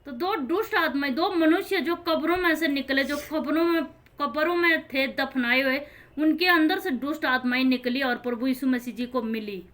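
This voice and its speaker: A woman's voice: high voice, moderate pace, a bit bright. A woman hosting her own channel, explaining Bible verses in an informal preaching style. She talks earnestly and directly, repeating and rephrasing each verse as she explains it.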